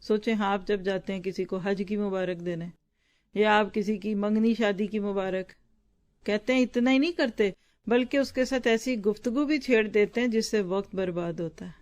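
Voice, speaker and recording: A woman's voice: medium pitch, darkish tone. A woman Islamic teacher reading from a book to her students and explaining it, stopping to ask and answer what words mean. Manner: pauses to explain word meanings with quick questions to the class; conversational, addresses listeners directly.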